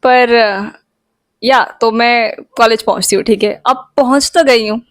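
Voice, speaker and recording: A woman's voice: fairly high pitch, fairly even intonation, unhurried, no echo. A young woman vlogger in a chatty, playful storytime, talking straight to her viewers. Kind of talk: casual storytime.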